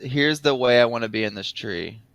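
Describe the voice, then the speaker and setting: A man's voice: medium pitch, moderate pace, fairly bright tone, dry recording. A man playing a tabletop game, speaking plainly and swearing casually. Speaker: player.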